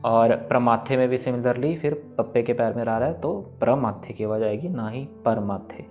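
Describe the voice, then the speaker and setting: A man teaching scripture pronunciation, explaining briskly and then reciting each verse slowly and evenly. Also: mid-range voice. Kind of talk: pronunciation lesson with slow recitation. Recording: slightly dull recording, soft background music.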